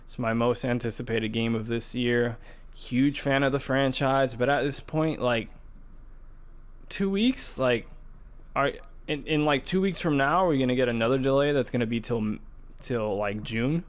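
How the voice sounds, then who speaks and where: Speaking at a normal speed in a smooth, medium-pitched voice, this podcast co-host keeps things casual and informal. He talks about video games and movies with the energy of an enthusiastic gamer.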